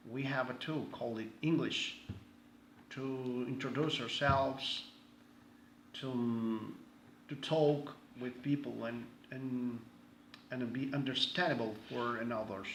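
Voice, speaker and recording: Introducing himself casually as a group member, this Portuguese-speaking man from Brazil talks in a slow, hesitant way, frequently starting over as he hunts for words. The voice is mid-range and slightly bright, recorded in a reverberant room with low background noise.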